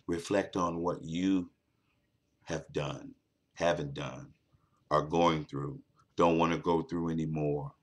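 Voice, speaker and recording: A man's voice: rumbling low, steady tone, slow pace, long pauses. A man hosting a late-night talk show, delivering an earnest motivational monologue that repeats its key points for emphasis.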